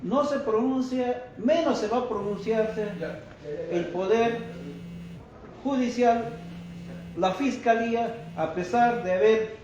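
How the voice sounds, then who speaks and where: A man giving a deliberate, denouncing statement at a press conference, addressing listeners as brothers. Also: extremely high pitch, darkish tone. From Peru. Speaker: activist speaking at a press conference. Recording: echoey muffled room with faint noise.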